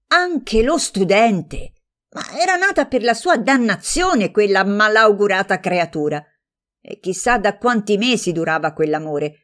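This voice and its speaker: Low-voiced woman reading a novel. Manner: measured, expressive reading. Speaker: audiobook narrator. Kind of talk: literary audiobook narration.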